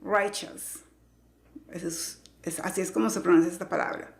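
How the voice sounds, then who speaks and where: A woman who teaches English pronunciation, explaining slowly and carefully and repeating each example word. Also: lowish voice, gravelly, darkish tone, reverberant. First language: Spanish.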